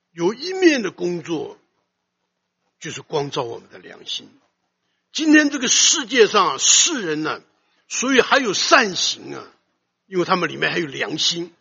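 A man preaching a sermon, swinging between loud emphasis and soft low asides and putting questions to his listeners. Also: gravelly, breathy edge. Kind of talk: expository sermon. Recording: dull lo-fi recording.

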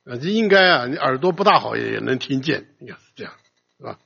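An older man preaching a sermon in a loud, emphatic voice. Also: medium pitch, animated, fast, creaky, husky. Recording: long hall reverb, dull lo-fi sound.

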